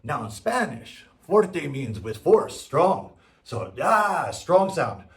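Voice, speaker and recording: A man's voice: on the high side, big pitch swings, takes it slowly, echoey room, far from the mic. A man teaching a music class and coaxing pupils to repeat words after him. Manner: upbeat, coaxing call-and-response. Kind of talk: follow-along class lesson.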